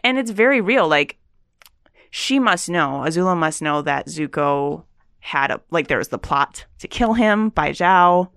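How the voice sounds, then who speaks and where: A woman co-hosting a relaxed discussion, offering casual analysis in conversational phrases. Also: lowish voice, a little slow, clean tone, no room sound, clean studio sound. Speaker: podcast co-host.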